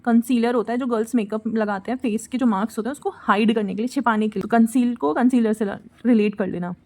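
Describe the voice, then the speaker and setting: A woman's voice: on the high side, fairly even intonation, fast talker, mellow. A young woman teaching vocabulary for exam preparation, explaining each word with a memory trick and a short made-up story. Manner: explains word tricks with little stories, acts out quotes. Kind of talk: exam-prep vocabulary lesson.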